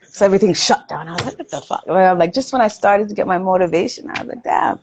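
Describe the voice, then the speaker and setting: A woman's voice: medium pitch, fast, darkish tone. A woman in her forties chatting candidly, swearing freely and retelling her own thoughts. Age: 40s. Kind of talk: casual chat.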